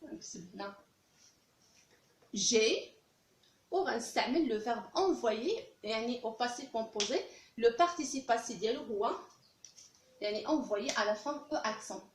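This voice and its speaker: Moroccan woman teaching French slowly. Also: a little high, expressive, reverberant, slight background noise. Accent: Moroccan Arabic. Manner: slow, careful repetition of example phrases. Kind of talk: explaining grammar step by step.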